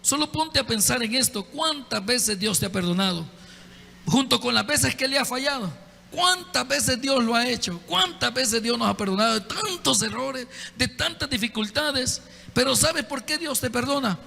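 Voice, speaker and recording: High, gravelly man preaching. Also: expressive, moderate pace, sharp tone, in a large hall. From El Salvador. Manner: conversational preaching, direct questions to the congregation. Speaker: pastor. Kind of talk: sermon. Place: church.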